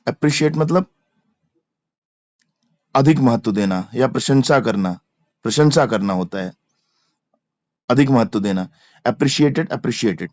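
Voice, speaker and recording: This exam-prep grammar lecture comes from a Hindi-accented man whose medium-pitched voice is expressive and slow, with frequent pauses. He spells out words letter by letter and repeats every verb form, captured dry with no room sound on a slightly dull lo-fi mic.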